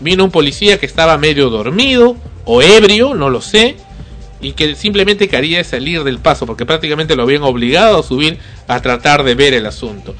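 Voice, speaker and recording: A man's voice: on the high side, animated, a little fast, fairly bright tone, faint music behind. A man, hosting a talk show and telling a story with indignation and rhetorical questions. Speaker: podcast host.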